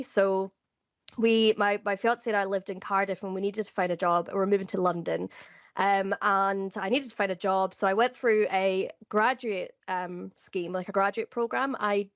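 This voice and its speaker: A woman's voice: medium pitch, steady tone, a little slow, fairly bright tone, clear, resonant tone, no echo, muffled recording. A Scottish woman from Edinburgh, a podcast guest chatting casually and laughing often. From Scotland. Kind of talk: casual interview chat.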